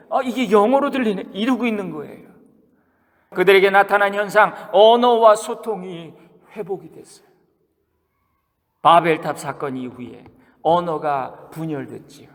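Pastor guy preaching, kinda high voice with lots of gravel, long echo off the church walls. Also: a bit bright. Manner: conversational preaching, asks the congregation questions and acts out quotes. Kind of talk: sermon. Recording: long reverb of a church hall.

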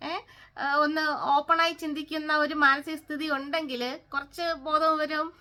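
A woman's voice: high-pitched, little pitch movement, normal speed, pushed and bright. A woman, speaking in a bitter, sarcastic and scolding personal vlog rant. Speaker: vlogger.

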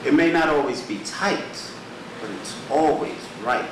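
A man's voice: on the high side, expressive, measured pace, noisy background. Man, spoken word poet, rhythmic rhyming delivery, echoey room, distant mic, humming background. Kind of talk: spoken word poetry performance. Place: small poetry theater stage.

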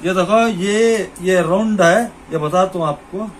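High-voiced middle-aged man showing shop gear. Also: a little slow, a little hiss or hum, rough recording. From India. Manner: repetitive, points things out to the viewer. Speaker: fishing shop owner. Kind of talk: casual product demonstration. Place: small cluttered shop, indoors.

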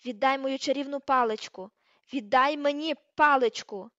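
A woman reading an audiobook, voicing a furious, sharp-tongued teenage girl witch who shrieks and scolds. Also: moderate pace, dry recording. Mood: furious shouting. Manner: shrill, shouting, scolding. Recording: slightly dull, dry recording.

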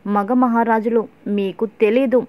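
A woman's voice: a little high, steady tone, measured pace, darkish tone, no echo, close to an everyday voice. Woman reading as a stern protective older sister. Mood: firm. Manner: firm, confronting. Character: stern young woman defending her younger sister. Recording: tinny phone-like audio.

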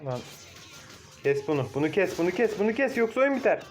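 A young man casually commentating his own mobile game match, excitable, cursing at teammates and shouting now and then. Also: sits high, brisk, faint music behind. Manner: excitable, swears and shouts at teammates, laughs loudly.

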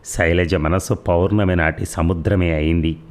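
A man narrating a serialized audio story in a steady, measured reading. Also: sits low. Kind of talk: read-aloud serial narration.

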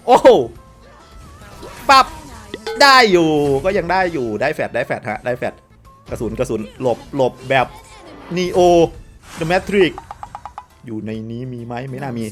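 A man with a slight cold giving excitable gameplay commentary to viewers, often exclaiming and repeating words. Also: on the high side, a little slow, pauses often, soft background music. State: has a cold, voice sounds odd. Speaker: game streamer.

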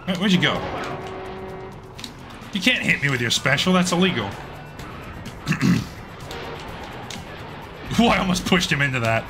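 Hoarse Australian man over game music. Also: on the high side, unhurried, long pauses. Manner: swears freely, excitable, talks to himself while playing. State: hoarse, losing his voice. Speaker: gaming channel host. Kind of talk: casual gameplay commentary.

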